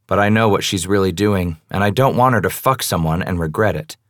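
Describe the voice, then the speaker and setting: Low-voiced, hushed male audiobook narrator. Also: a little fast, no room sound, studio quality. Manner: hushed, brooding, intimate. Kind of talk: first-person audiobook narration.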